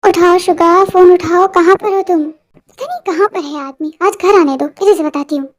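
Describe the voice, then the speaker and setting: A very high-voiced reader playing a young woman anxiously arguing with herself. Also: moderate pace. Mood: fretful. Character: fretful young woman waiting for someone.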